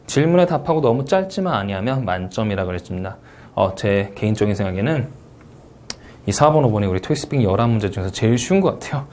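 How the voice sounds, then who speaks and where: A man's voice: on the low side, fast talker, a little hiss or hum. A man lecturing on an English speaking exam, with a Korean accent, asking questions and answering them himself. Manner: animated, asks and answers his own questions. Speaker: TOEIC Speaking instructor. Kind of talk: recorded exam review lecture.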